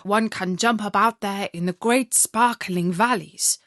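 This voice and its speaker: A woman's voice: medium pitch, unhurried, fairly bright tone, dry recording, clean studio sound, close to an everyday voice. A woman voicing a proud, stately reindeer in a storybook, wistful for a snowy homeland.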